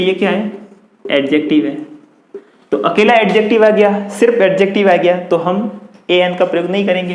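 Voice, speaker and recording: A man with a fairly high voice and a Hindi accent teaches a grammar lesson, repeating points patiently and spelling out example sentences slowly. He is recorded in an echoey room. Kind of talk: classroom-style grammar lesson.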